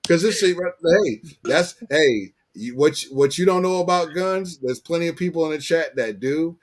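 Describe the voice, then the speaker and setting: A man's voice: fairly high pitch, normal speed. An American man hosting a casual live chat, slangy and fond of repeating phrases for emphasis. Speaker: live stream host.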